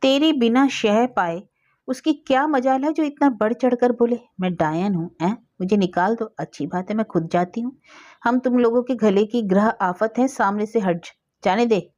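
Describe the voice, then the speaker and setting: A woman's voice: a little high, normal speed, darkish tone, dull audio, pitched above the performer's own voice, close to an everyday voice. A woman voicing a bitter, self-pitying old mother who complains tearfully through her nose.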